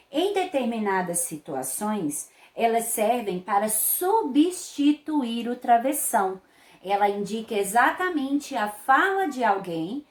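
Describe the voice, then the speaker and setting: A Brazilian woman teacher giving an online class to children, explaining a text slowly and patiently, often checking with "né?". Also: fairly high pitch, echoey room. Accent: Brazilian Portuguese. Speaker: primary school teacher.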